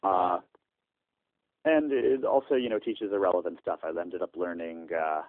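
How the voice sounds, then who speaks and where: This deep-voiced man talks at a normal speed through a dry, tinny landline connection. He's a startup founder in an interview, answering at length while often saying "uh" and starting over.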